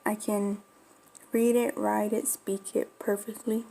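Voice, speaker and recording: On her vlog, this bulldog breeder from Florida, a native Spanish speaker with a faint Mexican Spanish accent, shares a personal story in a rambling, confiding way full of fillers. She talks slowly in a flat, dark, medium-pitched voice with vocal fry.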